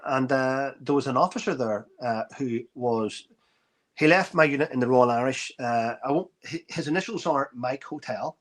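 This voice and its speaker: A middle-aged army veteran telling an anecdote in casual talk, acting out the dialogue, with many restarts. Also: male voice, mid-range voice. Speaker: author and army veteran guest. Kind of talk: casual spoken storytelling.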